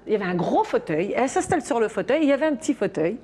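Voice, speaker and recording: A woman's voice: a little high, very fast, a little hiss or hum. A woman parenting coach, animatedly telling an anecdote in an interview and acting out the dialogue. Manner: animated storyteller, acts out dialogue, many fillers.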